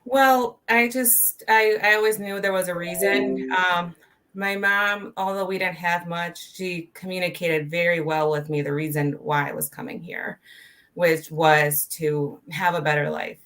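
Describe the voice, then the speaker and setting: Woman from Colombia, 30s, podcast guest; earnest and soft-spoken with a somewhat low, bright voice. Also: steady tone, measured pace. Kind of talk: casual interview.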